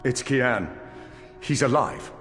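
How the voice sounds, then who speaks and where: An actor playing a stern, proud general in a video game, speaking in a grave, formal, commanding way. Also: male voice, mid-range voice, takes it slowly, a bit bright. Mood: grave, troubled. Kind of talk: dramatic video game acting. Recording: reverberant hall with music.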